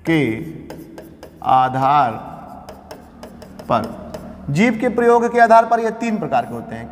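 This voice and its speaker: Male grammar teacher, high voice, quizzes his class and answers himself, reverberant room. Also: a little hiss or hum. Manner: asks questions and answers them himself, repeating key terms. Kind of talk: classroom lecture.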